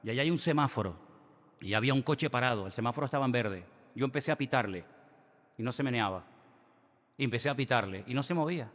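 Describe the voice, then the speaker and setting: Pastor preaching in an echoing hall. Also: male voice, medium pitch, quick pace. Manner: animated storytelling, shifting between hushed and emphatic. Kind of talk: sermon. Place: church hall. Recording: reverberant church hall.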